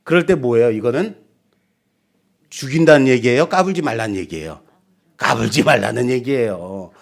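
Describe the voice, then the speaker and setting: A man's voice: mid-range voice, moderate pace, gravelly. A male pastor preaching a sermon, asking the congregation rhetorical questions and acting out quoted speech. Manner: animated, acts out quoted speech.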